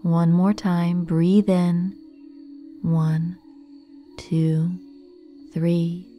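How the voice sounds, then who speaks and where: This guided meditation is narrated by a woman whose voice is lowish, dark, and relaxed, and she speaks very slowly. Her tone stays gentle and soothing, with long gaps between phrases and soft music behind her.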